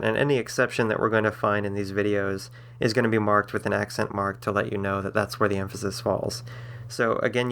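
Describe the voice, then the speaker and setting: A man's voice: lowish voice, creaky, fairly bright tone. A man teaching a language-building lesson, patiently spelling out sounds with some filler words. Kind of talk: explanatory lesson.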